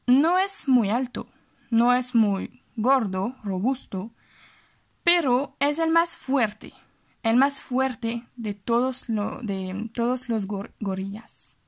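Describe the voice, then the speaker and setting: Woman, young, French speaker, unhurried, patient teacher, repeats words, fillers. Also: on the high side. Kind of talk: reading lesson, slow explanation.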